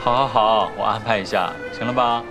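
A man's voice: on the low side, fairly quick, natural voice. An actor in his twenties playing a mild, obliging young company heir and boyfriend in a TV drama, casual and accommodating. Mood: mild, giving in. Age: 20s. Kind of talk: TV drama acting. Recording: background music.

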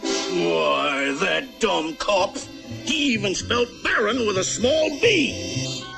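A man voicing a short-tempered German baron flying ace in a cartoon, ranting loudly in rustic grammar sprinkled with German words. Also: high voice, expressive, slow pace, full character voice. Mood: grumpy, indignant. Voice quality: gravelly. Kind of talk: exaggerated cartoon acting. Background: orchestral cartoon music.

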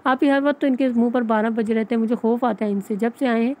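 A woman reading the lines of a sharp-tongued, stubborn young woman in a romance novel, defiant and huffy. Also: on the high side, steady tone, quick pace, natural voice.

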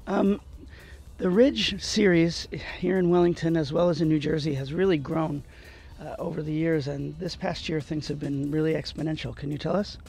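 A middle-aged male interviewer with a gravelly, somewhat high voice, holding a handheld microphone outside on a sunny lawn. He keeps the tone upbeat and encouraging as he puts questions to his guest. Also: fairly even intonation, moderate pace, darkish tone. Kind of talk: on-site interview. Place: outdoors on a sunny farm lawn.

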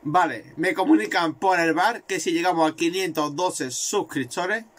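A man commentating his own football video game, excitable and swearing, repeating words in rapid bursts. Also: fairly high pitch. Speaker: gaming video creator.

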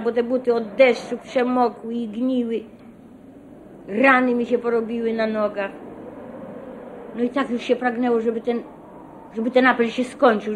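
An older woman recounting her own experiences as a witness, in a measured, reflective way that sometimes drops to a hush. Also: fairly high pitch, slight background noise. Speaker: survivor giving testimony. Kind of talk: spoken personal testimony.

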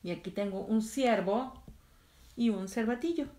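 This is a woman running a children's story time, reading picture books at an unhurried pace in a slightly high voice. She gives each line in Spanish and then in English, with casual remarks between pages. The room around her rings with a noticeable echo. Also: warm tone. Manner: chatty asides while turning pages. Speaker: language teacher reading to children.

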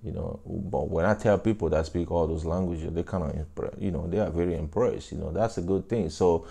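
His voice low, dark, creaky, and slightly rough, a thirty-something African vlogger speaks a little fast, giving warm, earnest advice to camera and frequently saying "you know." His first languages are a local African language and then French, and he's recorded on a lapel mic while seated on a couch in a small indoor room.

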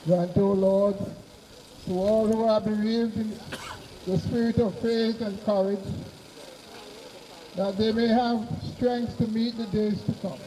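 A man officiating as clergyman, reading solemn burial prayers and scripture outdoors in measured, formal phrases. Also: high voice, fairly even intonation, dark tone. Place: outdoor cemetery on open grassy ground. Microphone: far camera behind the speaker. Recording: distant mic outdoors, faint noise.

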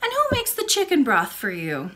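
A woman's voice: high-pitched, wildly swooping pitch, moderate pace, sharp tone, pitched above the performer's own voice, full character voice. A woman voicing an eager, polite little princess who asks question after question, at times in a whisper. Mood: curious.

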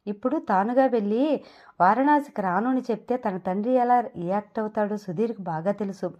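A woman narrating an audio novel in steady, scripted storytelling. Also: mid-range voice, a little fast, highs cut off.

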